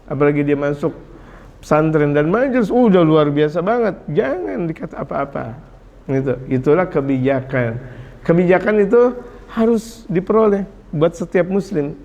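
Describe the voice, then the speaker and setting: Lively high-voiced preacher. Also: male voice, moderate pace, highs cut off. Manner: lively, jokes and acts out scolding parents. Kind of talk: sermon.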